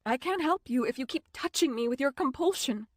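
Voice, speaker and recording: A woman's voice: sits high, lively intonation, fairly quick, no echo, clean studio sound, pitched above the performer's own voice. A woman narrator voicing a stubborn young heroine who speaks in a strained, insistent way. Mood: upset insistent. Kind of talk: audiobook character voicing.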